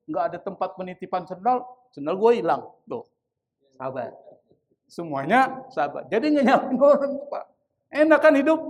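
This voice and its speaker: A man with a high-pitched voice teaches Quran commentary as a sermon. He poses rhetorical questions and answers them himself, drops in Arabic recitations, and speaks to his listeners as sir in a casual, friendly way. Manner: mixes Arabic recitation into talk.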